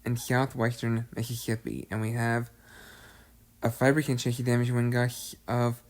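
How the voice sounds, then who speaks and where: A man's voice: mid-range voice, flat delivery, moderate pace. Man, weather forecast host, a bit out of breath, methodical, repetitive listing. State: slightly out of breath. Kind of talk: reading a severe weather outlook.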